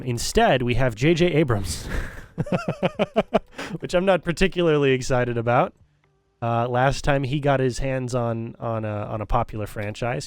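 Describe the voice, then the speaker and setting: A man streaming, giving an opinionated, critical rant in casual commentary, often repeating and restarting phrases as he thinks it through. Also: mid-range voice.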